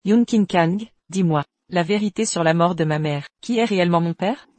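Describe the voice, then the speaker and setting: An actress playing a vengeful young noble daughter in a French drama dub, cold and cutting. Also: female voice, on the low side, normal speed, a little mellow, dry recording, natural voice. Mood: demanding.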